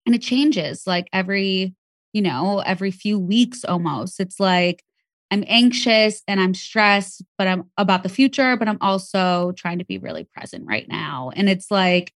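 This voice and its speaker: A young woman, pregnant and chatting openly as a podcast guest. She speaks at a middle pitch, loosely and with plenty of fillers. The room sound is dry and close. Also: lively intonation, normal speed, dry recording. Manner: candid, chatty, heavy on fillers. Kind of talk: casual chat.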